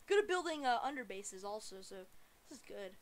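A woman giving casual gameplay commentary, excitable and breaking into frustrated yelling. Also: mid-range voice, a little fast, rough recording. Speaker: gamer.

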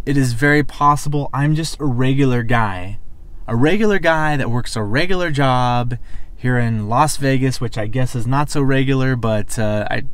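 A man's voice: mid-range voice, clean tone. A man in his thirties talking to camera from his parked car at night, an earnest, motivational weight-loss vlogger and coach. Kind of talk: casual talk to camera. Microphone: camera on the dashboard, close framing.

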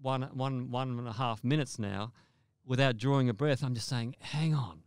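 A man from Australia, a mountaineer guest in an interview, telling a vivid story in a halting way with repeated words. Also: mid-range voice, steady tone, clean tone, no echo, studio quality.

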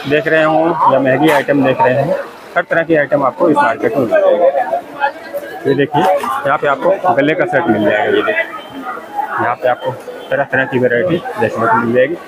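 A vlogger with a voice on the high side narrates his walk through a crowded outdoor market, pointing out shops to viewers. "Look here," he repeats, as loud street noise plays behind him.

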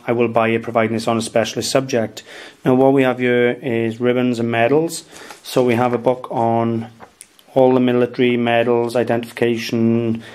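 A man's voice: medium pitch, a little mellow. Welsh guy in his 30s doing a casual haul vlog at home, chatty, lots of ums. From Wales. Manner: chatty, full of "um" and "guys", gives tips. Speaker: antiques dealer and channel host. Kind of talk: casual show-and-tell vlog. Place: dining room at home, indoors.

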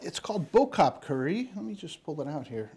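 A man's voice: fairly high pitch, sing-song, fairly quick, a little mellow. A man in his fifties, a spice shop owner, giving a casual cooking demonstration in a studio kitchen on a lapel mic, full of fillers and restarts. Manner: rambling, many fillers and restarts. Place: studio kitchen set, indoors.

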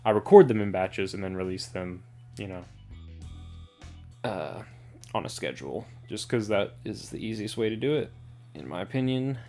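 A man's voice: fairly low pitch, lively intonation, normal speed, pauses often, dark tone, faint music behind. A man giving casual gameplay commentary, rambling with dry sarcastic asides. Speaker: gaming video creator.

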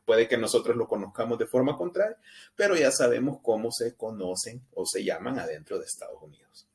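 A man with a Latin American Spanish accent teaching a basic English lesson, stressing each English word slowly and carefully so learners can repeat it, and often checking in with the class. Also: on the low side. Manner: patient, pronounces English words slowly and emphatically for repetition. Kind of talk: language lesson with repetition drills.

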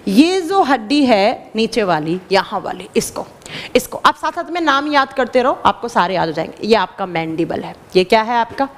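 A woman teacher talks in a lively, fairly high voice. She fires questions at her students and answers them herself. The recording carries a long reverberant tail from the classroom. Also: normal speed. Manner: animated, addresses students as children, asks and answers her own questions. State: dry throat. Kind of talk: classroom lecture.

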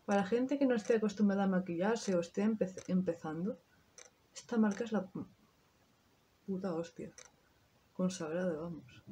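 A woman's voice: mid-range voice, dark tone, slight background noise. A woman in her thirties with a Spain Spanish accent, chatting casually to her viewers through a makeup tutorial, swearing now and then. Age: 30s. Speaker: beauty vlogger.

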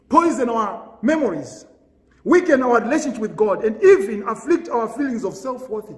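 Male pastor, sermon delivery, measured and earnest, animated pitch. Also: echoey room. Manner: earnest, measured preaching with pauses between phrases.

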